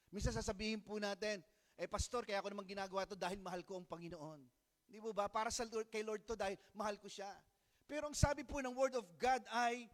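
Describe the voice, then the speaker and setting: A man's voice: sits high, a bit bright. A middle-aged man with a Filipino accent preaching a sermon, earnest and emphatic, switching between English and Filipino. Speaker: pastor. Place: church hall. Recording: long church hall reverb.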